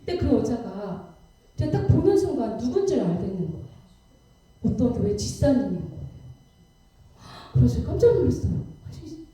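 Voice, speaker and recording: A woman's voice: on the high side, big pitch swings, moderate pace, pauses often, mellow, recorded from a distance. A woman missionary giving a sermon testimony, telling her story vividly and dramatically in a church. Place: church sanctuary. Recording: echoey church hall from afar.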